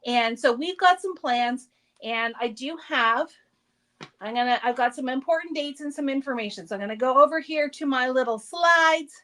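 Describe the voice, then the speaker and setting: High-pitched woman doing a chatty craft shop livestream, upbeat, a bit teasing. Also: normal speed, sharp tone. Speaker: craft store host. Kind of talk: casual livestream product chat.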